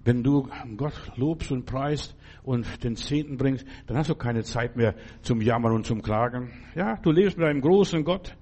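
A man's voice: medium pitch, unhurried, dark tone, slightly rough. A man preaching a sermon in a fervent, exhorting way, speaking directly to the listener.

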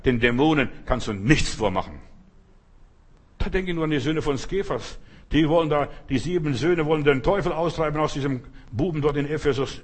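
A pastor preaching an emphatic sermon full of rhetorical questions. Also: male voice, a little high, husky.

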